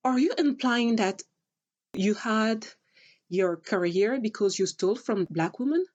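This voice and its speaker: A woman's voice: medium pitch, unhurried, a little mellow, dull audio. A woman hosting her own commentary channel, talking through a news story and asking pointed rhetorical questions in disbelief. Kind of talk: opinion commentary to camera.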